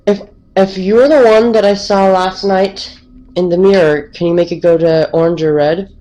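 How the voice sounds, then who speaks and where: A woman's voice: medium pitch, steady tone, normal speed, warm tone, poor audio. A woman chatting casually and spontaneously as a member of a paranormal investigation team.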